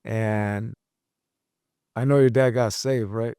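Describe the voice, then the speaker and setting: Laid-back man with a smooth voice. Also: fairly low pitch, fairly even intonation, slow pace, mellow, no room sound, studio quality. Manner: encouraging, laid-back, says "bro" and "man". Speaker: podcast host. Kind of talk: casual chat.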